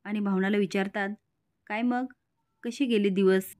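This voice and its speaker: A woman retelling a TV serial in brisk narration, speaking the characters' lines mostly in her own plain voice. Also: mid-range voice, fairly even intonation, darkish tone, no room sound, studio quality. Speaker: storyteller. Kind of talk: recapping a TV serial, reading all the dialogue.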